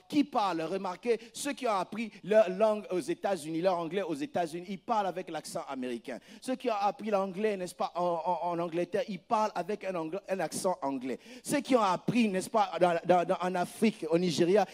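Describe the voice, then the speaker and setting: A pastor preaching a sermon, with emphatic rises and soft asides, often repeating words as he searches for phrasing. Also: high voice.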